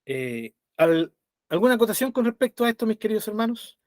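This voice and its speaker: High-voiced man teaching a Bible study. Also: a little fast, no room sound, studio quality. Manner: animated, retells scenes, keeps checking in with "¿sí?".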